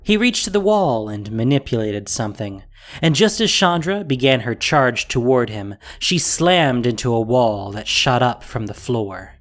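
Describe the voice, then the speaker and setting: Reading scripted fantasy fiction, a male narrator brings dramatic flair and a sing-song quality at a measured pace. His mid-register voice swings widely in pitch to follow the action.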